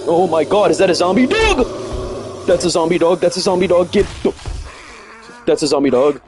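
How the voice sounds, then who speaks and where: Warm and medium in pitch, this young man's voice carries casual, slang-filled rambling as he plays and streams a game from his home in the United States.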